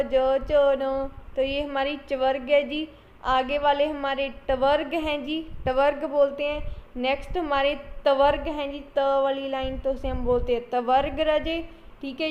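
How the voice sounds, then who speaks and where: A woman teacher gives an online exam-prep lecture, repeating points and calling her students children. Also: high-pitched. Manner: repetitive, coaxing, addresses students as children. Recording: dull lo-fi audio with faint hiss.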